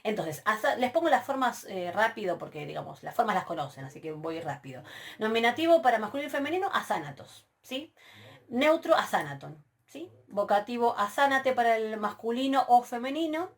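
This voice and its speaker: Female lecturer, patient and methodical, slow stressed recitation of forms. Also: a little high, animated. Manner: patient, checks in with frequent "¿sí?"; spells out forms slowly with stressed syllables. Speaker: Greek teacher. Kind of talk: recorded university lecture.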